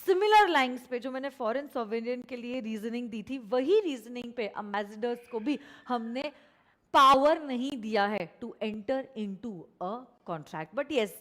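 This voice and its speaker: A woman's voice: a little high, a bit bright. An Indian woman teaching law in a live online lecture. She mixes Hindi and English, repeats key phrases for emphasis, and puts questions to her students. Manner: addresses students directly, asks them questions.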